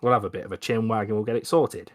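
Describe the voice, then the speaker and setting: A cheerful Cockney rogue, as a player puts him on for a tabletop game. He talks in a breezy, matey way, voice on the low side. The sound is dry and close. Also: fast, no echo, natural voice. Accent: Cockney, put on. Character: Cockney-accented adventurer, cheerful and easygoing. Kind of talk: tabletop role-play voice.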